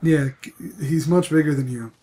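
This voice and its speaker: A man's voice: fairly high pitch, moderate pace, crowd noise. Sick man joking through a let's play. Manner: joking, rambling with fillers. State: sick with a cough. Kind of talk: casual gaming commentary.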